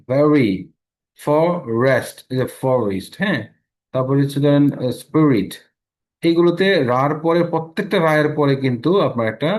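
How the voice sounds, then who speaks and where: A man with a Bangladeshi accent and a mid-range voice teaches English pronunciation online, slowly explaining the rules and repeating example words.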